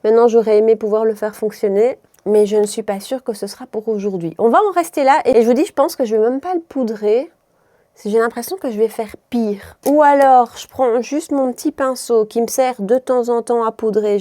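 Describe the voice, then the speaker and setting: A Belgian beauty vlogger with a mild Brussels French accent rambles through a makeup tutorial in a slightly high, warm voice, often interrupting herself and laughing. The recording is dry.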